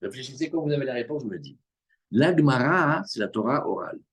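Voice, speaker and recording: A man leads a Talmud class with a slightly husky, breathy voice. His pitch rises and falls in wide, animated swings, and he slips into the characters' lines to make his point. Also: quick pace. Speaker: rabbi teaching Talmud. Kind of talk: lively Talmud class to students. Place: live class with students in the room.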